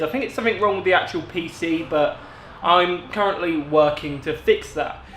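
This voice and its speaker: Echoey, higher-voiced young British man vlogging. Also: a bit bright, slight background noise. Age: 20s. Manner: chatty, informal explaining. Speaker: gaming video creator. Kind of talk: casual vlog chat. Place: echoey room in parents' house. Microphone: on-camera shotgun mic. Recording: very echoey room.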